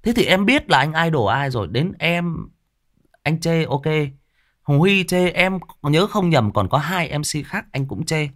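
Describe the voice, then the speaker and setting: Northern Vietnamese male narrator, unscripted rebuttal, animated pitch, stumbling restarts. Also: measured pace. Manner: defensive, repetitive, with many fillers and restarts. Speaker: audiobook narrator answering a listener. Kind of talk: unscripted direct address to a commenter.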